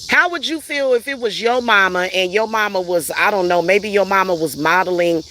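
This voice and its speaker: A woman speaks in a heated personal rant, hammering her points with repetition and swearing. Her voice sits at a middle pitch. Faint crickets and insects chirp behind her outdoors. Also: a little fast, sharp tone, slight background noise. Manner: emphatic, repetitive, profane. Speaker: vlogger and spiritual reader.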